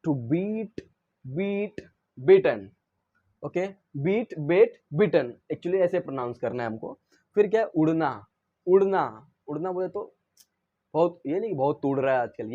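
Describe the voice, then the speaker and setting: A man's voice: a little high, dark tone, lo-fi sound. A man teaching English verbs in Hindi. He asks and answers his own questions and recites each verb's forms in English. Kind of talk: classroom-style lesson.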